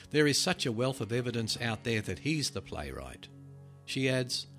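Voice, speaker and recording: A man reading written articles aloud as scripted narration, with measured, dramatic phrasing that drops at sentence ends. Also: mid-range voice. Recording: loud music behind the voice. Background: music.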